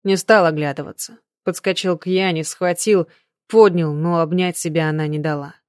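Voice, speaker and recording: Женщина-чтец с низковатым голосом. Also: female voice, fairly low pitch, steady tone, normal speed, darkish tone, dry recording, clean studio sound. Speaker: audiobook reader. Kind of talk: scripted narration.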